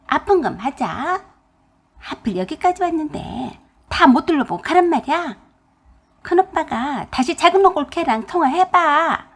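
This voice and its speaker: A woman's voice: on the high side, sing-song, moderate pace, gravelly, darkish tone, breathy edge, heavily acted. A woman voicing a selfish sister-in-law who complains in a sarcastic tone for a radio drama.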